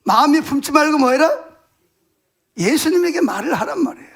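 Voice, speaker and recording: A male pastor delivers a Sunday sermon in a strikingly high voice with a rough, gravelly edge. He talks plainly and emphatically, repeating words for stress. He keeps asking his listeners questions. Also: expressive, a little fast, fairly bright tone. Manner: emphatic, asks the congregation rhetorical questions.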